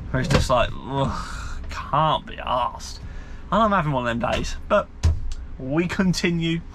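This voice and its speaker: A man's voice: medium pitch, expressive, a little slow. A man, chatting casually to the camera while driving a lorry and working a skip site. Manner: chatty, talks to himself and viewers, sometimes weary. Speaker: truck driver vlogger. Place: cab of a hook-loader lorry, driving. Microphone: dashboard camera mic. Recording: loud engine and road noise. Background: lorry engine and traffic.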